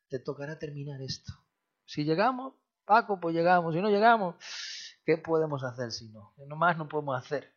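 Passionate Spanish pastor preaching. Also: male voice. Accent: Spain Spanish. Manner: passionate, swings from loud outbursts to soft low phrases. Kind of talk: sermon. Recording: dull lo-fi recording.

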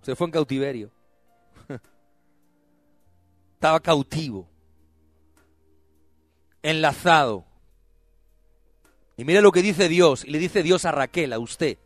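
A man preaching a sermon, moving from soft teasing asides to loud cries and asking the congregation to repeat after him. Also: medium pitch, no room sound. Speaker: pastor.

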